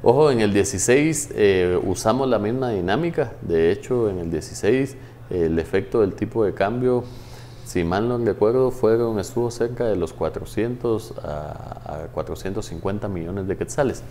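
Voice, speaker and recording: A man speaks low and mellow in a TV studio interview. He explains things in a measured way, pausing often on hesitant fillers. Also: slight background noise. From Guatemala. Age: 30s. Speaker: guest, former tax agency head.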